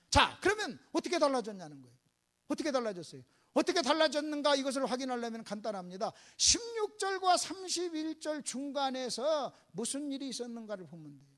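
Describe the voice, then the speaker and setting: A middle-aged male pastor preaching a sermon, calling out to his congregation often and swinging from loud emphasis to hushed words. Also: very high-pitched, animated, fast talker.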